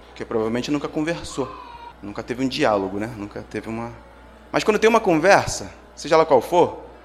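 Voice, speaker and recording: A man's voice: medium pitch, big-room sound, slight background noise. A male preacher, giving a conversational sermon that builds to emphatic bursts. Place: church.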